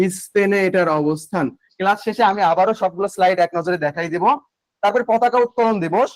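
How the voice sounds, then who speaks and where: A young man teaches a live online class in a fairly high voice. He repeats facts slowly, poses questions and answers them himself. The sound is close and dry. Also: no echo, rough recording. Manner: repeats key facts slowly for note-taking, asks and answers own questions. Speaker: online admission-coaching teacher.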